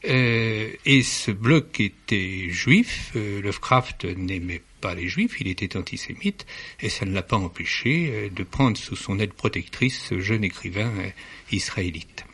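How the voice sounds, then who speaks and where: A man's voice: fairly low pitch, expressive, unhurried, fairly bright tone, slightly rough. A man speaking as a literary critic guest in a radio studio discussion, formal and hesitant, with many fillers and restarts. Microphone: studio microphone.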